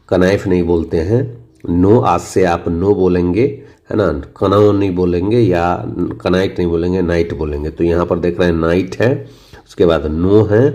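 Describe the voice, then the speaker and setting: A middle-aged man teaching a spoken English lesson, explaining slowly and repeating each point, asking and answering his own questions. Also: fairly low pitch, mellow.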